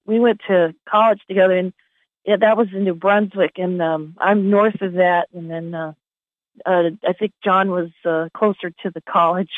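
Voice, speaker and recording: A middle-aged woman from New Jersey, USA, with a slight accent of that region, calls in on a phone line and chats casually but hesitantly, sounding tentative. Her voice is lowish and steady at normal speed. The audio is a dull, lo-fi phone sound with no room reverb.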